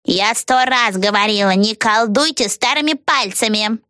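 A woman voices a hateful old tavern keeper who scolds in a sharp, shrill tone. The sound is dry and close, as in an audiobook. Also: moderate pace, no room sound. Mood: scolding.

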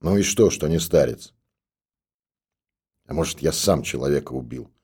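A man voicing a gruff, scolding stoker who grumbles and orders others about. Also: sits low, expressive, moderate pace, warm tone. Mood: stern. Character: gruff old stoker in a monastery.

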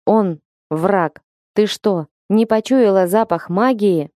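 A woman voicing a menacing, muscular blue-eyed man who speaks gruffly and scornfully. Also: medium pitch, takes it slowly, warm tone, no room sound, clean studio sound, lightly acted. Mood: stern.

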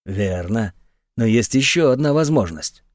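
A man voicing a calm, thoughtful male monk who speaks quietly and in measured phrases, in an audiobook. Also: mid-range voice, dry recording, studio quality, close to an everyday voice.

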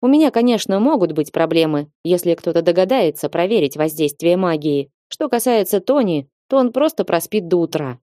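A woman's voice: lowish voice, expressive, a little fast, hardly any pauses, dark tone, no echo, studio quality, lightly acted. A woman voicing a commanding male lord who speaks firmly and with authority in an audiobook. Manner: firm, clipped, authoritative. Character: commanding male lord, steely then gentle.

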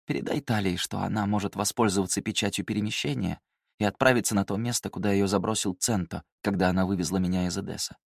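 A stern, terse rebel leader, read by a man with a deep, dry storybook voice. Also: fairly even intonation, fast talker, vocal fry, dry recording.

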